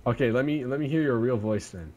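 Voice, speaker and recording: A man's voice: medium pitch, quick pace, mellow, dull audio. A man in game voice chat, pleading and insistent with a teammate.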